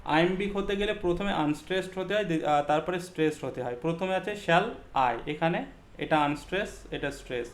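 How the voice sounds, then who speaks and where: In an echoey room, a man with a slightly high voice teaches an exam-focused poetry lesson at a fairly quick pace. He explains step by step, mixes English terms into his speech, uses frequent fillers, and checks that students are following.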